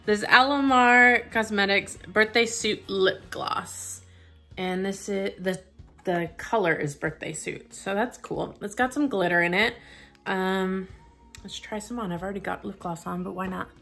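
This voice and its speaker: A woman's voice: medium pitch, a little slow, creaky, sharp tone, soft background music. A young woman chatting casually as she unboxes and tries out makeup, musing aloud with plenty of fillers. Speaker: beauty vlogger reviewing a subscription box. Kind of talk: casual chat.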